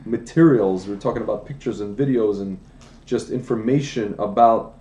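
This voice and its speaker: He talks at a normal speed with a fairly low, warm voice in an echoey room. The speaker, a late-thirties American wine business founder, guests on an indoor livestream podcast and rambles casually through his life story, restarting often and adding asides.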